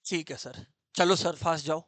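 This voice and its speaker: A man's voice: fairly high pitch, moderate pace, a bit bright, no room sound, voice pushed down, close to an everyday voice. A man doing meek, eager students in chorus. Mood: agreeable.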